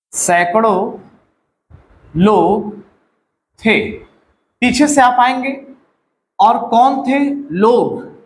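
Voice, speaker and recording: A man with an Indian accent gives a classroom-style English grammar lesson, explaining step by step and repeating words and phrases. His voice is high-pitched, and the low-quality recording has a roomy sound.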